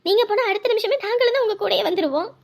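A steady, comforting young wife in a serial drama. Her very high voice reassures with a firm edge. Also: very fast, gravelly. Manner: reassuring, scolding at times. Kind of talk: TV serial acting.

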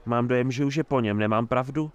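A man's voice: medium pitch, dull audio, lightly acted. A man doing a sly jovial old mayor. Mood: sly, hearty. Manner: effusive, sly and talkative. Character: jovial scheming male town mayor, older.

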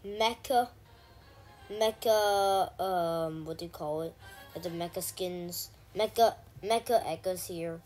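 Excitable woman narrating her gameplay. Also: lowish voice, slow pace, faint music behind. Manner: chatty, with frequent ums and excited shouted bursts. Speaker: gaming channel host. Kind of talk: gameplay commentary.

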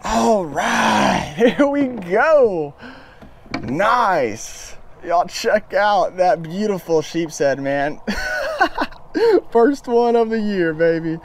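An eager young fishing vlogger with a slightly high voice speaks very slowly from a kayak on open water under a bridge, filmed on action cameras mounted on his chest and a pole, with faint water noise behind. He's excited and chatty, giving casual outdoor commentary and saying "man" and "guys" a lot.

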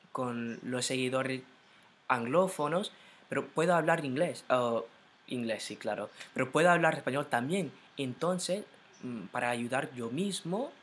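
Speaking Spanish as a learner, this native English speaker from the United States, a young man, vlogs at home in his room through a laptop mic. He sounds hesitant and keeps stumbling, restarting and fixing his words, in a medium-pitched, fairly bright voice on a rough recording.

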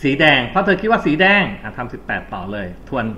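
A man's voice: medium pitch, very animated, quick pace, sharp tone. A Thai-accented man teaching an exam-prep English lesson, talking chattily, correcting himself and slipping English terms into his explanations. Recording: slightly dull recording with faint background noise.

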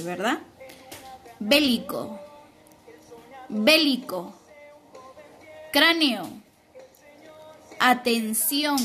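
Bright, high-voiced woman teacher. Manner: patient, slow and clear, asking the class questions. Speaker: primary school teacher. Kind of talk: recorded classroom lesson for children.

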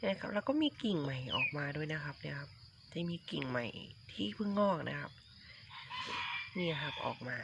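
Animated, brisk and creaky, with a voice on the high side, this vlogger gives a casual tour of the plants in his rural garden, where he grows durians at home. He's chatty and polite, says things more than once, and calls the viewers his friends. The dull, lo-fi phone audio picks up loud outdoor noise including roosters, chickens and crickets.

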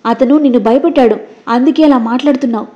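An anguished older brother, urgent and hurt, read by a woman in her own mellow, fairly high voice. The lines come quickly and plead, in a read-aloud audio story on slightly dull, lo-fi audio. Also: close to an everyday voice. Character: anguished young man, protective older brother.

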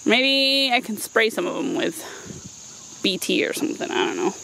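This woman's voice is medium-pitched, lively, gravelly, pushed and bright, delivered at a moderate pace. She's in her thirties, casually touring her backyard vegetable garden for a vlog and tossing in playful asides. Audio quality is poor, recorded outdoors on a handheld camera mic with noticeable background noise.

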